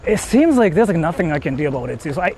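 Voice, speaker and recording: Warm in tone, sing-song and very fast, his slightly high voice carries slight background noise. He's an IRL streamer on the move in the countryside, holding his phone and rambling casually to chat with lots of fillers while explaining his tech setup.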